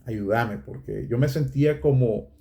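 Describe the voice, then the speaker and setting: A man's voice: medium pitch, expressive, moderate pace, dark tone. A middle-aged man with a Nicaraguan accent giving an earnest, emotional personal faith testimony, addressing listeners as brothers. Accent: Nicaraguan Spanish.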